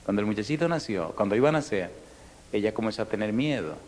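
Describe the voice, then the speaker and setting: A man preaching a storytelling sermon to a congregation, animated, acting out the people in his story and dropping to a near whisper for his closing appeal. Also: lowish voice, quick pace. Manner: animated, acts out dialogue, drops to near whisper. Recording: echoey hall, faint background noise.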